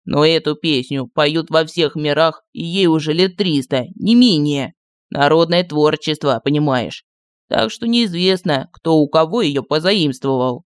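A woman reading an audiobook, voicing a calm, phlegmatic male thief who speaks slowly in a lowered voice. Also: dry recording, clean studio sound. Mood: mocking. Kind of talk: audiobook character voice.

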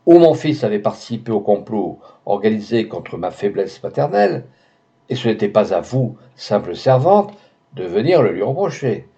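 A stern elderly doctor speaks with grave, sorrowful severity, as a male narrator plays him. His voice is mellow and warm, captured on a dull, muffled recording. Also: on the low side, very animated, moderate pace, creaky. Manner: severe and grieved, pleading when alarmed.

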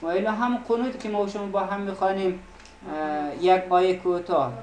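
A man teaching an Arabic recitation class, speaking slowly and deliberately and repeating words to correct pronunciation. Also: high voice, steady tone, a little mellow, slight background noise. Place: seminary classroom. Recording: roomy classroom echo.

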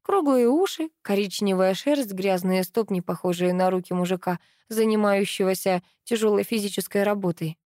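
A woman narrating a first-person novel as an audiobook, in a lively, expressive storytelling manner. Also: medium pitch, moderate pace, few pauses, no echo, studio quality.

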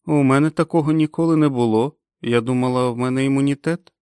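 A man's voice: medium pitch, quick pace, darkish tone, clear, resonant tone, dry recording, studio quality, voice pushed up, lightly acted. A man voicing a chatty, rueful woman who complains wryly about a rash.

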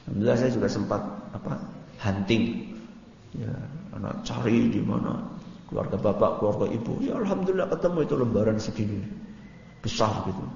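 Preacher, chatty and questioning, booming hall with dull lo-fi sound and faint hiss. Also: male voice, brisk, vocal fry. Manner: conversational, quizzes the audience, animated jumps in pitch. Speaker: Islamic preacher. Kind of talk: religious study lecture.

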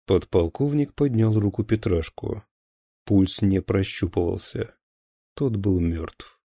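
A man narrating a thriller audiobook in a steady, even storytelling voice. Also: low-pitched, slow pace, no echo.

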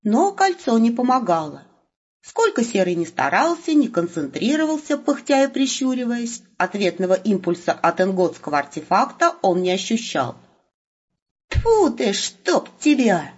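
A woman narrating an audiobook with a lively, ironic storytelling manner. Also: medium pitch, normal speed, breathy edge. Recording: muffled lo-fi recording.

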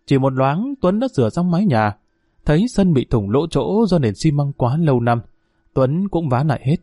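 Male audiobook narrator, measured, mellow, dry studio sound. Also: on the high side, sing-song, no echo. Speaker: storyteller.

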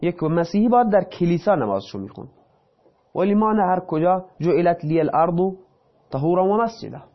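A man with a somewhat high voice teaches a lesson. He reads a passage aloud, then explains it in loose, casual speech. The recording is dull and lo-fi. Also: lively intonation. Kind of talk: reading and explaining a text.

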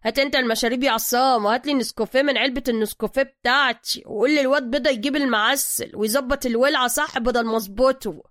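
Woman doing loud bossy Egyptian mechanic boss. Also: fairly high pitch, very fast, hardly any pauses, no echo, clean studio sound, close to an everyday voice. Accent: Egyptian Arabic. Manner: shouting, boastful, abusive. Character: loud bossy male master mechanic, hot-tempered.

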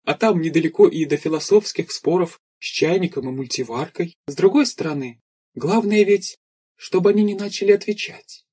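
A young woman muttering wry, self-mocking asides to herself, voiced by a male audiobook reader. The tone is husky and a touch high. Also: normal speed, dark tone.

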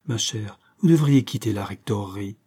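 Man doing a hushed, gentle former governess. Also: on the low side, normal speed, breathy edge. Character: calm reserved older woman, former governess.

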